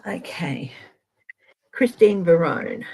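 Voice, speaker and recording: A middle-aged Australian woman giving a gentle, chatty tarot reading on a live stream and addressing viewers by name. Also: lowish voice, animated, slow, breathy edge, rough recording. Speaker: tarot reader.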